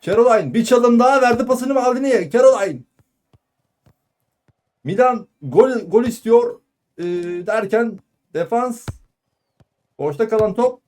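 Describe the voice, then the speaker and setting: Male football commentator, high pitch, terse live play-by-play, breaks into excited yelling on big moments. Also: a little slow, long pauses. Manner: excited shouting on goals and shots; clipped phrases, calling out player names.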